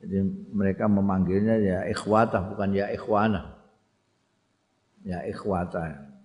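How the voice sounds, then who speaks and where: A man's voice: on the low side, little pitch movement, moderate pace, muffled recording. A man with a Javanese accent giving a conversational sermon, chanting Arabic phrases and then explaining them plainly. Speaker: religious teacher. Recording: long hall reverb.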